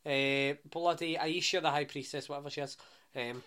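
A man's voice: on the high side, steady tone, moderate pace, bright, forceful tone, clear, resonant tone. A young Scottish man co-hosting a podcast, bantering bluntly, teasing and swearing casually while recapping. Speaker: podcast co-host. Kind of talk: casual chat.

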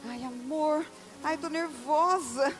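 Brief: woman as a fussy, demanding wife in a church skit, very high and whiny, soft music underneath. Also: takes it slowly. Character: demanding, dramatic young wife wanting roses. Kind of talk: amateur stage skit.

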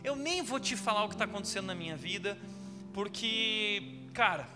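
A preacher voicing an excitable, upset man whose voice jumps up high and breaks with agitation. He sounds distraught and keyed-up. It is heard in a big reverberant hall over steady background music. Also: normal speed. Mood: despairing.

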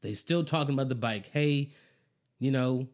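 A man's voice: medium pitch, moderate pace. A man chatting casually about his kids, talking loosely with lots of slang, and acting out how he scolds them. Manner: casual slang, says bro often. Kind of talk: casual chat.

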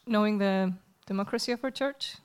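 Here a woman interprets a church sermon on the spot in a brisk, clean, mid-range voice. Her delivery is halting as she searches for the right words, filling gaps and fixing her own phrasing.

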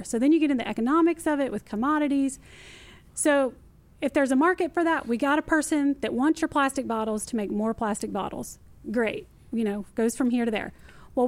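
A woman walks listeners through what can be recycled. Her voice sits a little high, and she is chatty and animated, with lots of emphasis and repetition. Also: no room sound. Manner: lively, emphatic, repeats key phrases. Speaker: city recycling guest expert. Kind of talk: casual explanatory interview talk.

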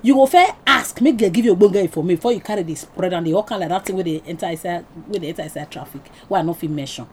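A woman's voice: on the low side, racing, hardly any pauses, a little mellow, a little hiss or hum. A woman with a Nigerian accent presenting scripted commentary in Nigerian Pidgin, with a scolding, rhetorical manner. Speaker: show presenter.

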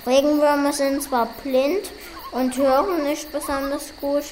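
A woman's voice: high voice, fairly even intonation, measured pace, a little mellow, a little hiss or hum, rough recording. A woman co-narrating a children's radio play, explaining things plainly.

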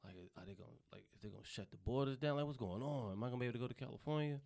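Gravelly Southern man telling stories. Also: medium pitch, rapid-fire. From North Carolina, US. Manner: profane, animated storytelling. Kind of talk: casual podcast chat.

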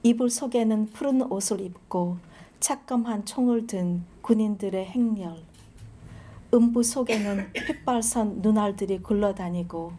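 A woman with a medium-pitched, dark voice gives a poetry reading, delivering the poems slowly and in a measured way. Her short introductions between them are full of hesitant pauses.

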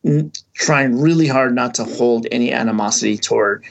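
A man's voice: mid-range voice, moderate pace, creaky. A man co-hosting a podcast, talking casually and rambling, with many restarts and fillers. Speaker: podcast co-host. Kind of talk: casual chat.

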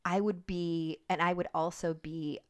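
Low-voiced reflective woman in her forties. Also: steady tone, unhurried. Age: 40s. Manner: reflective, thinks aloud with frequent "like" and "right?". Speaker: podcast guest. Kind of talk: conversational interview.

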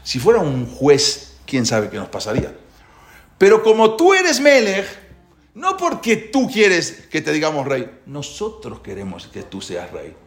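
A man's voice: on the high side, wildly swooping pitch, a little slow. A man teaching a religious class who explains the prayers with many rhetorical questions. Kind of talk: Torah class. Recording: echoey room.

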